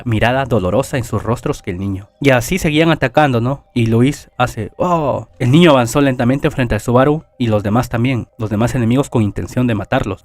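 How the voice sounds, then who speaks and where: A man's voice: mid-range voice, dry recording. Man casually retelling an anime story. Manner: retells plot, reads character lines without acting them; adds casual asides and self-corrections. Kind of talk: casual story recap narration.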